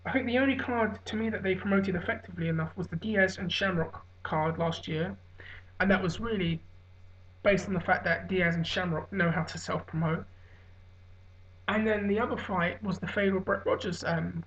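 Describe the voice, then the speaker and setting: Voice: mid-range voice, fairly bright tone. A hungover person giving unscripted opinion commentary on fights, rambling and correcting themselves as they go. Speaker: online MMA commentator. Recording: dull lo-fi audio.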